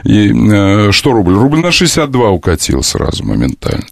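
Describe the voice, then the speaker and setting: Male radio host, gravelly and lively in pitch, confident and talkative, repeats himself in quick bursts. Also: dry recording, studio quality. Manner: animated, repeats words in rapid runs, argues confidently. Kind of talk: morning radio talk, casual and opinionated. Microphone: studio microphone.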